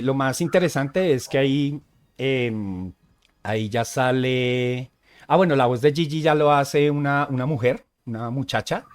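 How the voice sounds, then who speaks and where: A man co-hosting a casual podcast, chatty and easygoing, who often pauses on "eh" and checks in with "¿sí?". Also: medium pitch. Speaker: podcast co-host.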